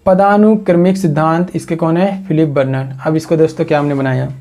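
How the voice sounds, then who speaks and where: A man's voice: fairly high pitch, fairly even intonation, a little fast, warm tone. A man teaching an exam coaching lecture, asking the class questions and answering them himself while building memory tricks from words.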